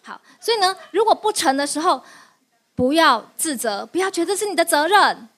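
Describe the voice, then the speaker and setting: A woman pastor, preaching a lively sermon, often laughing and firing quick questions at her listeners, then answering them herself. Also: extremely high pitch. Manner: laughs often while teaching.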